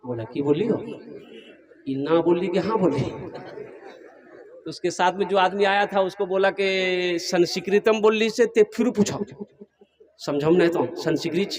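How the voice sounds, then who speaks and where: A man's voice: high voice, unhurried, long pauses, a little mellow, a little hiss or hum. A male Islamic preacher telling a humorous story and urging his audience, switching between playful narration and impassioned exhortation. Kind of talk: sermon with storytelling and sung verse. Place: religious gathering with audience. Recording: echoey live gathering, far from the mic, crowd behind.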